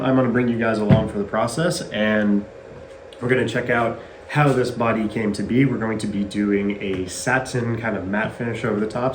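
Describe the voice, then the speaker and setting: A man hosting a casual guitar-building tutorial in his garage workshop, chatty and jokey. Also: lowish voice. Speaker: guitar builder and channel host. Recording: echoey garage with faint noise.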